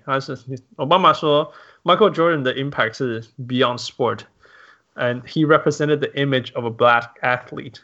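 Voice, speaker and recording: A man hosting a relaxed podcast conversation, hopping between Mandarin and English with lively energy. His voice sits at a middle pitch. The recording sounds dull and a bit lo-fi. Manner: code-switching between Mandarin and English, animated. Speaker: podcast host. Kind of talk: casual chat.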